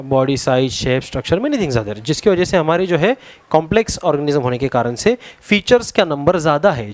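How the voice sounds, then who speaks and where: A man with an Indian accent teaching a science lesson to a class, mixing two languages, pausing to search for words. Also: fairly high pitch. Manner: explains in a Hindi and English mix, spells words out; halting, searches for words with many fillers.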